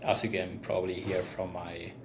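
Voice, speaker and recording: A man with a strong Italian accent, chatting casually as an interview guest, relaxed and full of fillers. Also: sits low, moderate pace, echoey room, a little hiss or hum. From Italy. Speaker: guest, agency founder.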